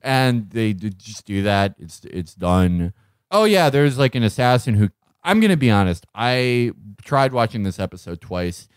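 A man with a low-pitched voice rambles through a TV recap with sardonic asides, often laughing partway through his sentences. The sound is dry and close to the mic, with no room around it. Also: big pitch swings, moderate pace, clean tone, dry recording. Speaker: podcast co-host. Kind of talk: comedic show recap.

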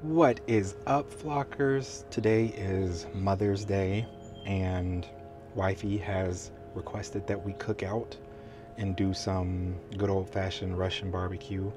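A man talking through his day in a relaxed, chatty vlog, with easy fillers, into a handheld camera. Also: low-pitched, slow pace, music in the background. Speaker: vlogger. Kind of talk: casual vlog narration.

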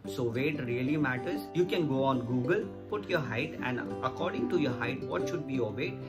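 A man talks straight to camera in an earnest, repetitive way, urging his viewers along. Music plays clearly underneath him in a small indoor room. His pitch sits in a middling range. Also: expressive, normal speed. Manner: earnest, repeats points, direct appeals to viewers. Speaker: vlogger. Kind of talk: casual explainer talking to camera. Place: small indoor room against a plain wall.

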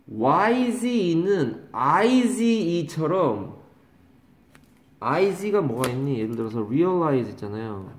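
A man teaching English vocabulary to a class, drawing out pronunciations slowly and teasing and scolding his students. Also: mid-range voice, a little mellow. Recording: echoey classroom.

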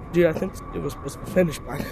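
A man's voice: on the high side, vocal fry, noisy background. A young man giving casual, joking gameplay commentary full of slang. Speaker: gamer.

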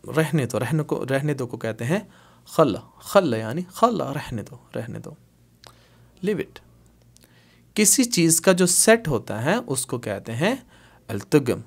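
Man drilling spoken Arabic phrases slowly. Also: fairly high pitch, very animated. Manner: repeats phrases slowly, drilling each word. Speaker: language teacher. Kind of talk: spoken Arabic lesson with Urdu and English glosses.

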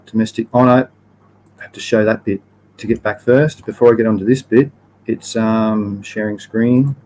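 A man's voice: on the low side, a little mellow, slight background noise, rough recording. An Australian man hosting a live stream, chatting casually in a rambling, slangy way and often correcting himself mid-sentence.

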